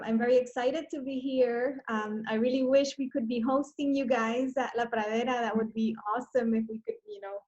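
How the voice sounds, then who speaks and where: A woman's voice: on the high side, a little mellow, lo-fi sound. A woman in her forties from Honduras, chatting about coffee farming on a video call, with lots of fillers and restarts. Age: 40s. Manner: hesitant, many fillers and restarts. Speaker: coffee trade representative. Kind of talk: casual video call chat.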